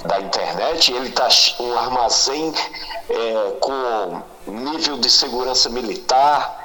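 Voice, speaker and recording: A man on a phone call, his voice coming through a speakerphone. He sounds bright and forceful. He explains patiently and makes everyday comparisons, as a guest on a talk program. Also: mid-range voice. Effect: heard over a phone on speakerphone. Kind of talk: explaining by phone in casual conversation.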